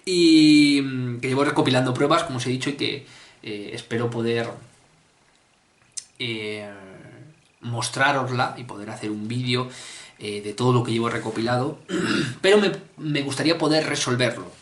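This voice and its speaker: A man in his twenties from Spain with a Spanish accent, telling a personal story to camera in a casual, animated way, with many fillers and restarts. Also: medium pitch, normal speed, pauses often. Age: 20s. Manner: animated, hesitant with fillers and restarts, clears throat often. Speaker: mystery channel host. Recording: echoey room.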